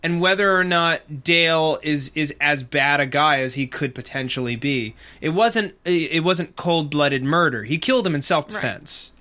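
An animated young man hosts a casual TV recap show. His voice sits a touch high and sounds bright and forceful. He talks in a loose, jokey way. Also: moderate pace, hardly any pauses. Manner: animated, jokey, breaks into goofy sing-song bits. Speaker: host.

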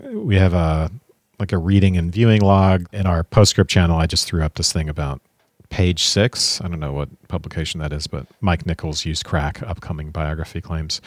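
Man, deep low voice, musing podcast co-host, dry close sound. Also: fairly even intonation, moderate pace, no echo. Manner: musing, thinks aloud with restarts. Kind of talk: casual chat about films.

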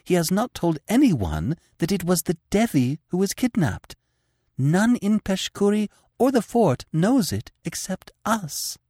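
A man's voice: high voice, big pitch swings, a little slow, warm tone, dry recording, studio quality, pitched above the performer's own voice, exaggerated voice. A man voicing a passionate, scheming young woman who pleads in a breathless, urgent rush.

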